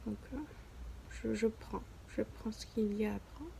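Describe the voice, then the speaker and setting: A young woman from France talks through her online clothes browsing in a casual, wandering way, poking fun at herself and now and then murmuring asides under her breath. Her voice sits a little on the high side. A light hiss runs under the recording. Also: fairly even intonation, unhurried, creaky. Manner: rambling, self-mocking, with soft whispered asides. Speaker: vlogger.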